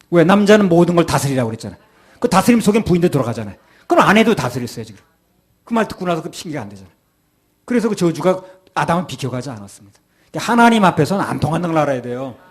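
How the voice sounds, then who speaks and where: A man's voice: on the high side, sing-song, very fast, breathy edge. A male pastor giving a sermon, acting out people's excuses in quoted voices.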